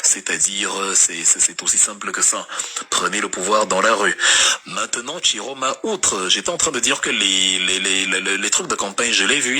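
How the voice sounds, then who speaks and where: Emphatic Cameroonian man, lower voice, bright tone. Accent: Cameroonian French, light. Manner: emphatic, repetitive, stammering restarts. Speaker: political commentator on a livestream. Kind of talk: impassioned political monologue reacting to viewer comments.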